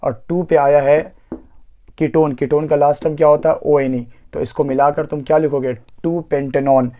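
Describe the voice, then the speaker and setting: A man's voice: on the high side, level tone, moderate pace, narrow, tinny audio. A man teaching a chemistry exam-prep lesson, asking himself questions and counting carbons aloud step by step. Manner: asks rhetorical questions and answers them himself.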